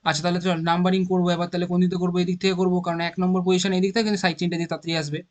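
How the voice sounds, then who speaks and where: A man's voice: sits high, little pitch movement, very fast. A man with a Bengali accent explaining organic chemistry naming, thinking aloud and counting carbon atoms step by step. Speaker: chemistry teacher. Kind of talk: informal classroom lesson.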